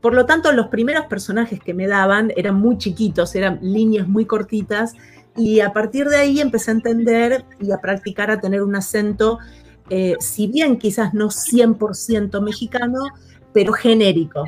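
A woman from Argentina talks as a guest in a relaxed interview. Her pitch sits in an ordinary middle range. She thinks aloud, stopping on small fillers, while soft music plays faintly underneath. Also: moderate pace. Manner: thoughtful, many hesitations and fillers. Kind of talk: casual interview chat.

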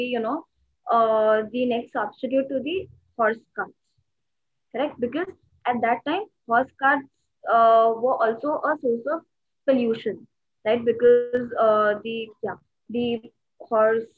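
A woman's voice: a little high, husky. A woman with an Indian accent explaining things casually, mixing English and Hindi and often checking that the listener follows. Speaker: guest commentator on investing. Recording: tinny, phone-like narrow line.

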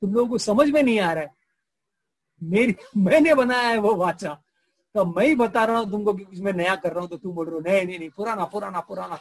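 A man's voice: high voice, fairly quick. Man voicing an exasperated, urging Jesus.

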